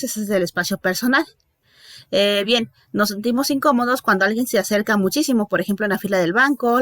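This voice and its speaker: A woman's voice: medium pitch, fairly bright tone, no echo, studio quality. A woman giving a recorded lecture, talking in a loose, conversational way, full of fillers and restarts and often checking in with her listeners. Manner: conversational, many fillers and self-corrections; checks in with listeners with tag questions. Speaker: teacher.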